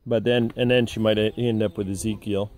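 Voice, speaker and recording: A middle-aged vlogger tours the timber frame of the house he's building, speaking fairly quickly in a lowish, darkish voice with a flat delivery. Recorded outside on a handheld camera, his narration is casual and rambling, packed with fillers.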